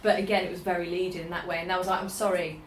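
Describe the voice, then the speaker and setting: A woman shares stories from her research in a relaxed group chat. Her voice sits a little low. She sounds distant from the microphone, and the room around her is echoey. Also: very fast, a little hiss or hum. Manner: chatty, storytelling explanations. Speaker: PhD researcher. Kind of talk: casual group discussion. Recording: roomy, distant meeting room mic.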